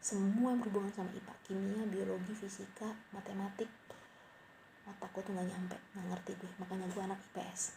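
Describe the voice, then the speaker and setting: A young woman podcaster with a medium-pitched, level, gravelly voice talks briskly in a casual late-night monologue, rambling, slangy, and self-mocking, sometimes dropping into a whispery aside. It's recorded on a cheap, noisy home mic.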